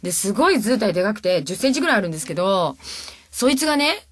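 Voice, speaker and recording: A woman chatting casually in a talk session, cheerful and quick to laugh. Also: mid-range voice, sing-song, no room sound, clean studio sound. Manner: cheerful, laughs often, playful. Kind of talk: casual chat.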